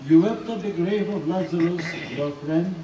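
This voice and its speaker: Man, high voice, solemn liturgical funeral prayer, distant mic, clear background noise. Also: moderate pace, reverberant, lo-fi sound. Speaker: minister reading intercessions.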